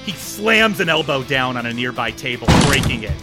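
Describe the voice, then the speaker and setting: A man working as game master, improvising dramatic and animated narration for a tabletop game. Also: medium pitch, normal speed, loud music behind the voice.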